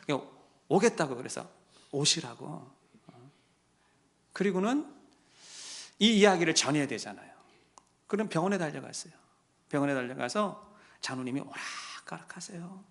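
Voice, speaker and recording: A male pastor telling a story in his sermon, dropping to a hush and then rising loud and impassioned. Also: fairly high pitch. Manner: swings from hushed to loud and impassioned.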